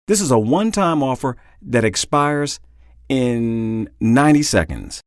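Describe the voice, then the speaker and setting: A man's voice: medium pitch, big pitch swings, unhurried, dry recording, studio quality, voice pushed up. A man voicing a stiff, curt male field agent who speaks in clipped lines.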